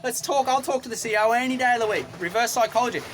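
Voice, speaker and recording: A man's voice: very high voice, rapid-fire, faint music behind. A young Australian man ranting to camera from a boat, rambling and repetitive, with a combative edge. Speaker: vlogger. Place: on a boat outdoors.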